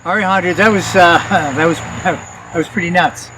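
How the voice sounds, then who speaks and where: A man hosting a paranormal vlog, speaking in a hushed, coaxing way as he addresses spirits in a cemetery at night. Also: high voice, steady tone, normal speed, noisy background. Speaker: paranormal investigator host. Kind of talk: casual vlog narration.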